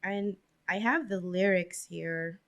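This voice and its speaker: A young woman with a lowish voice and a slow pace hosts a podcast, chatting casually about church practice. It's a relaxed religious discussion in which she asks questions and laughs often.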